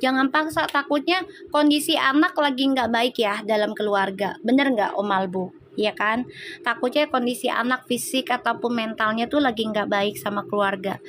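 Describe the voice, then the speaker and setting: A middle-aged woman, telling family stories in a casual live-stream chat as a tarot reader, animated and quick to laugh. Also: on the high side, a little hiss or hum. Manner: chatty, animated storytelling with frequent laughter.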